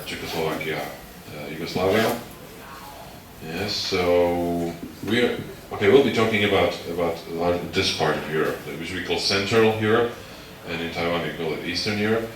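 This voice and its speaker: A man delivers a university lecture in a deep, low voice. He builds his points step by step and keeps checking in with the room. The sound is distant and echoey, with steady background noise. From Slovakia. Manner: explains step by step and checks in with the audience. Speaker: guest lecturer.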